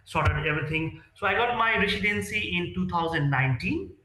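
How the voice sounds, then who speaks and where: A man's voice: high-pitched, lively intonation, fairly quick, bright, forceful tone, echoey room, slight background noise, rough recording. A man, answering interview questions earnestly and hesitantly, with many fillers and restarts. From Nepal. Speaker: real estate sales executive, guest.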